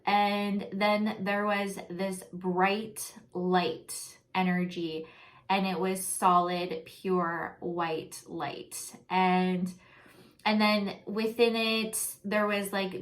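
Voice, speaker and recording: A woman's voice: mid-range voice, level tone, slow pace. A woman from Canada in casual spiritual talk, rambling with many ums and likes as she recounts a dream. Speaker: spiritual vlogger.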